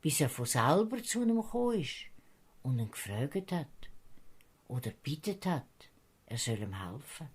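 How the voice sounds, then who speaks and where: Her deep, slightly rough voice moves at a measured pace as she animatedly recounts a Bible story to kids, voicing each character. The woman speaks with a Swiss German accent.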